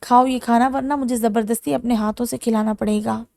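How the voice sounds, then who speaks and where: A woman's voice: a little high, steady tone, vocal fry, a little mellow, dry recording. A woman voicing a hot-tempered, mocking young man in a romance audiobook. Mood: harsh. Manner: harsh, mocking.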